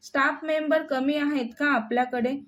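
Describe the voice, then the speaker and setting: A woman's voice: sits high, steady tone, moderate pace, fairly bright tone. A woman voicing a short-tempered rich young husband who scolds harshly. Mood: angry.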